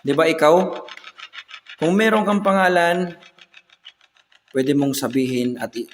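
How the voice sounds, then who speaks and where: A man's voice: on the high side, animated, a little slow, roomy sound, big-room sound, a little hiss or hum. A man hosting a ghost hunt, speaking coaxingly and directly to unseen spirits inside an old building at night. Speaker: ghost hunter host. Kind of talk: on-site paranormal investigation talk.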